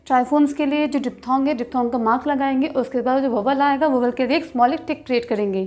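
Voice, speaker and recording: Female shorthand tutor with a high voice, patient, step-by-step delivery. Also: a little mellow. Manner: slow, patient, spells out sounds one by one. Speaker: shorthand teacher. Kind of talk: step-by-step instructional lesson.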